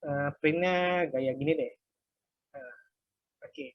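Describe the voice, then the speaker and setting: Slow husky instructor muttering through live coding, dry close sound. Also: medium pitch, no echo, lo-fi sound. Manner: thinks aloud while typing, soft muttered asides; casual, light laughs at own mistakes. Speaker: workshop instructor.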